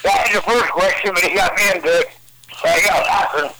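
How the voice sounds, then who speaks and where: Man, radio caller, choppy phone line cutting off words, distant, hissy line noise, gravelly voice. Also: high voice, brisk. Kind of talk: casual call-in chat.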